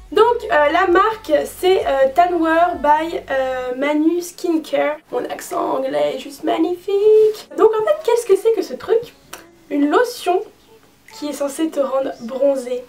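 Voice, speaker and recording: A woman's voice: high voice, far from the mic. A young woman reviewing beauty products in a casual, frank way, with many fillers and restarts. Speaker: beauty vlogger.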